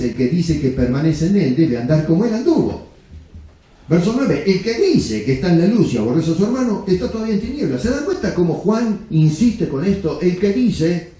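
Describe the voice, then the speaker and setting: In a church sanctuary whose sound is very echoey, a man delivers a blunt, emphatic sermon packed with rhetorical questions. His voice is warm and on the high side.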